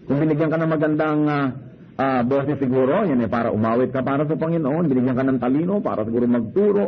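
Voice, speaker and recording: A man's voice: medium pitch, quick pace, narrow, tinny audio, slight background noise. A man with a Filipino accent preaching a sermon. He switches between Tagalog and English and acts out short prayers of thanks. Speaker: pastor.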